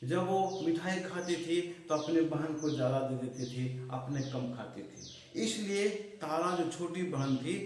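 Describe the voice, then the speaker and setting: A man narrating a motivational story, unhurried, with rhetorical asides to the listener. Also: a little high, a little mellow, slight background noise. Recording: echoey room, far from mic.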